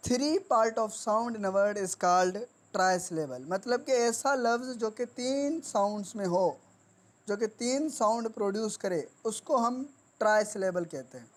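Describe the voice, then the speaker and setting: Slow, deliberate woman teaching grammar. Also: medium pitch, lively intonation. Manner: slow, deliberate, repeating each word for dictation. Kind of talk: classroom lesson.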